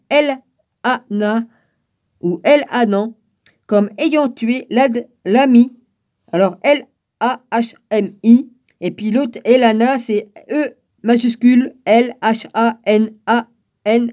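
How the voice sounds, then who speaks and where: Woman, reads aloud from a book, wry asides, warm fairly high voice. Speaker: reader of a book.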